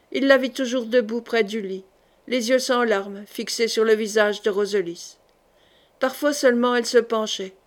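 Woman narrating a historical novel. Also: on the high side. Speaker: audiobook reader. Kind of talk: literary audiobook narration.

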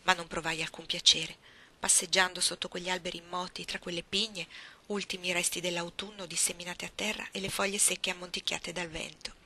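A woman narrating a classic novel in a measured, expressive reading. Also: fairly low pitch, slightly rough. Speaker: audiobook reader. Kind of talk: literary audiobook narration.

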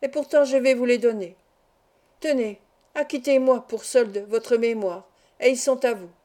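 A woman's voice: on the high side, normal speed, dark tone, lightly acted. Scheming miserly uncle, read by a woman. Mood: feigned generosity. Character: harsh scheming miserly uncle, middle-aged man.

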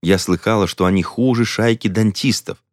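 A man's voice: fairly low pitch, normal speed, no room sound, clean studio sound, voice pushed up, natural voice. A man voicing an impatient, bossy churchgoing woman who speaks curtly. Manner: curt, impatient.

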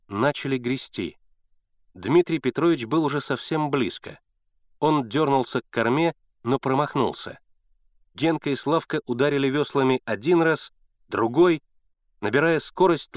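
A man's voice: mid-range voice, expressive, normal speed, no room sound. Man narrating an audiobook, dry sound. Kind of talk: scripted narration.

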